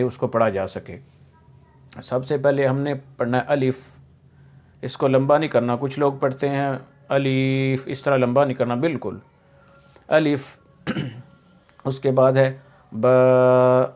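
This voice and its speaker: Man, Pakistani Urdu accent, Quran teacher, instructional lesson, patient, repetitive, slow drawn-out letter sounds, mid-pitched voice. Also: darkish tone.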